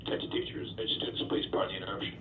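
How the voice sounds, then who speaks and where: A man making a plain, repeated school announcement over the intercom, heard from a distant loudspeaker. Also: low-pitched, monotone, very fast. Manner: plain, repetitive reminder. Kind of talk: public address announcement. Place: school building. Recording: tinny, echoey intercom loudspeaker from far off, noisy.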